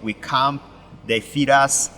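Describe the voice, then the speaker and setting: A middle-aged man from Ethiopia, a pastor, telling his life story in halting, broken with many restarts. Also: mid-range voice, steady tone, sharp tone, in a large hall. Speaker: pastor, interview guest. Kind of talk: personal story in an interview.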